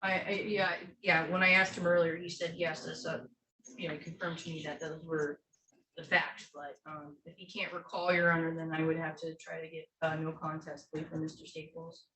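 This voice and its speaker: A woman speaking formally as a defense attorney in a courtroom, halting at times and deferential to the judge. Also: low voice, level tone, pushed and bright. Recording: echoey, distant mic with faint noise.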